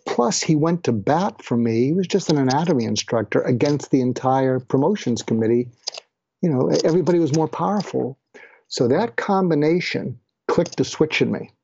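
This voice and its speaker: A man's voice: a little high, expressive, moderate pace, gravelly, darkish tone, muffled recording, a little hiss or hum. An older man from the area tells his own story earnestly and reflectively as an interview guest. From Boston area, USA. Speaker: guest, physician.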